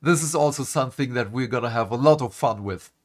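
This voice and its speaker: A man's voice: medium pitch, quick pace. A man hosting a gaming channel, ranting animatedly to camera in a groggy morning voice and swearing for emphasis. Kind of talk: casual gaming commentary to camera.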